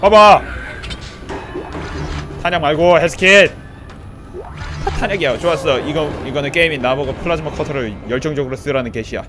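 A man doing let's play commentary on a horror game, pleading with and yelling at enemies in a panic, then muttering to himself as he plays. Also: on the high side, moderate pace, pauses often. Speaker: gameplay commentator. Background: loud horror game music and sound effects.

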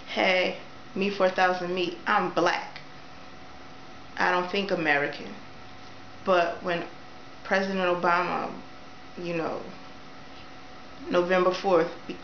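A chatty young woman with a fairly low voice gives an enthusiastic, filler-heavy book review straight into her camera. The sound is roomy and dull, like cheap built-in camera audio, with a faint hiss under it. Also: a bit bright. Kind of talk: casual book review vlog. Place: small room indoors.

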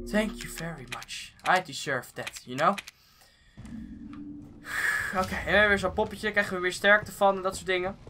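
A man giving excitable let's play commentary on a game, swearing often and slipping English phrases into his talk. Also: sits high. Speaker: gaming video host. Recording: steady background noise.

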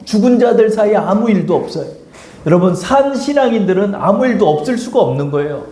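A male pastor preaching a sermon in an animated, conversational way, full of rhetorical questions. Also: high-pitched, fairly quick, roomy sound. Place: church sanctuary.

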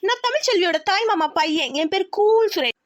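A woman's voice: very high-pitched, lively intonation, brisk, no room sound, studio quality. A woman voicing a clingy, cheeky young male cousin from the village in a cartoon.

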